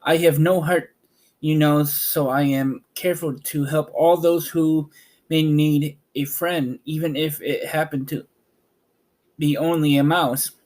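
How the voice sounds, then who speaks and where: A man voicing a kind, humble tin man in a storybook, speaking gently and politely. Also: on the high side, fairly even intonation, measured pace, lightly acted.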